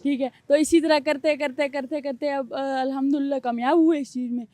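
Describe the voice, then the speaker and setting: An eighteen-year-old man talks casually as an interview guest, rambling a little with fillers. His voice is high and soft with a mellow tone, and the room sounds dry. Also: dry recording. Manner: relaxed, chatty, repeats fillers. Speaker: guest voice imitator.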